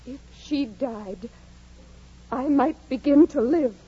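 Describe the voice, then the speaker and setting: An actress playing a desperate, unloved young wife, pleading and anguished in 1940s radio acting, on a dull old radio broadcast. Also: female voice, high voice, takes it slowly, dark tone, breathy edge, exaggerated voice. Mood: weary. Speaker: Isabella.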